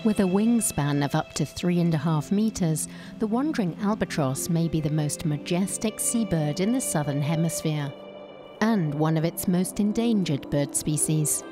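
Low-voiced woman narrating nature documentary over music. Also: animated, normal speed. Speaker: report narrator.

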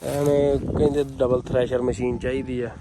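Outdoor noise from machinery runs clearly behind a Punjabi man with a mid-range voice. He talks like a farm vlogger, casual and folksy, chatting to viewers and calling out to workers in everyday village speech. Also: medium pitch, level tone, normal speed. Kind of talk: casual vlog chat. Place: outdoors in farm fields beside a running harvester.

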